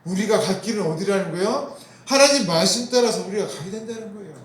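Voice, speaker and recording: A man's voice: high-pitched, fast. A man preaching a sermon as pastor, asking the congregation questions and answering them himself, and repeating key phrases for emphasis. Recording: roomy echo.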